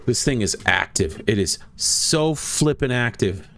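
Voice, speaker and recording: A man's voice: medium pitch, lively intonation, unhurried, gravelly, fairly bright tone, a little hiss or hum. A young adult man casually chatting with viewers while playing a ghost-hunting game, rambling between gameplay notes. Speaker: streamer. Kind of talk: casual gaming commentary.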